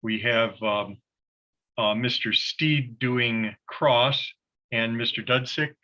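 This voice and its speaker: A man presides as judge over a mock trial held on a video call. His voice is bright and forceful yet courteous, and he often stops to fill gaps with "uh" while directing the proceedings. The sound is dull and lo-fi, like compressed call audio. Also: mid-range voice. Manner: polite, halting, with many "uh" fillers.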